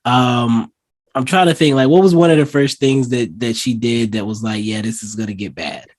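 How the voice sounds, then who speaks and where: A man hosting a casual movie review podcast, chatting loosely with lots of fillers and acting out scenes in lively voices. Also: mid-range voice, normal speed. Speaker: podcast host.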